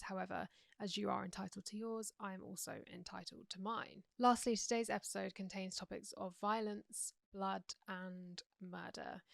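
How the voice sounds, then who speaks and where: Croaky young Englishwoman hosting true crime. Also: medium pitch, no echo, studio quality. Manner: chatty, earnest, gravelly. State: sore throat, croaky. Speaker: true crime podcast host and musician. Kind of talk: casual true crime narration.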